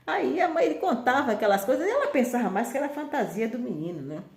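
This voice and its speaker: A woman's voice: high-pitched, big pitch swings, quick pace, darkish tone. Brief: female storyteller, conversational and meandering, recorded in a roomy, echoing space. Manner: rambling, conversational with frequent restarts. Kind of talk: casual folk-tale storytelling. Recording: roomy echo.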